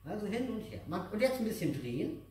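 A middle-aged man speaks quickly in a high-pitched, sing-song, slightly mellow voice, teaching aikido exercises to a child and viewers. His guidance is patient and encouraging, built from simple repeated phrases. The recording comes from a distant camera mic in a large, echoey indoor dojo with mats.

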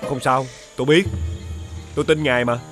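An actor playing a young husband's ghost, with a Southern Vietnamese accent and an urgent, exasperated manner. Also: male voice, mid-range voice, fairly even intonation, a little fast, over music, lightly acted. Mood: respectful. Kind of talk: TV fairy-tale drama acting.

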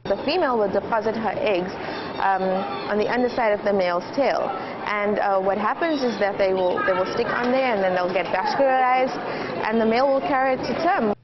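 A young adult woman, a biologist, explains in an unscripted interview, hesitating and pausing mid-sentence, on a lapel mic indoors. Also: medium pitch. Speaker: aquarium biologist. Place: indoor aquarium exhibit area. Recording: dull audio with clear background noise.

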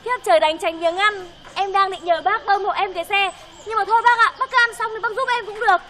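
High-pitched woman sweet-talking in a sketch. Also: fairly even intonation, fast, a loud crowd. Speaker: comedy sketch actress. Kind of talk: comedy sketch acting.

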